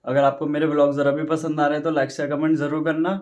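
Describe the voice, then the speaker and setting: A man's voice: a little high, flat delivery, fast talker, darkish tone. A man hosting a casual vlog, chatting informally and speaking straight to his viewers. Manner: informal, addresses viewers as "guys". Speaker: vlogger host. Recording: noisy background.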